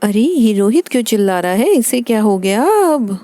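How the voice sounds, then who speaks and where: A woman's voice: mid-range voice, expressive, normal speed, mellow, no echo, lightly acted. A woman voicing a busy, caring mother in a toy doll play, chattering in a fussy, motherly way.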